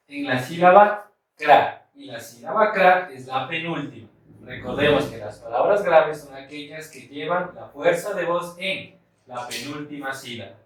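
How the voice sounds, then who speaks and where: A man teaching a grammar lesson at a board, speaking slowly and deliberately and repeating the key points. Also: a little high. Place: room with a board. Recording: echoey room, mic far off.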